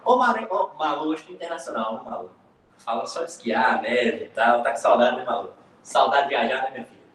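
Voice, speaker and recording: Lively fast-talking male physics teacher. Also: medium pitch, echoey room, far from the mic, a little hiss or hum, rough recording. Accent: Brazilian Portuguese. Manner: lively, joking, addresses students by name. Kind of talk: online class lecture.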